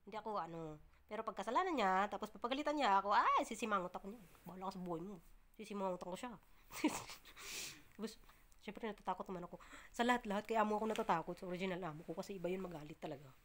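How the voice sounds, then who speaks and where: A woman vlogging casually to her viewers, chatty and full of fillers and restarts, often laughing and breaking off to cough or clear her throat. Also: mid-range voice, fast talker, fairly bright tone, a little hiss or hum. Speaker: vlogger, domestic worker abroad.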